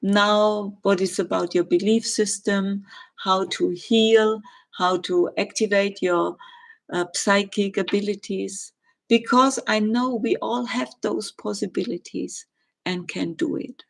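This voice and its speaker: A middle-aged woman with a German accent, answering viewer questions in a live chat and pausing often with ums and uhs. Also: medium pitch, steady tone, creaky. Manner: hesitant, many ums and uhs, gentle.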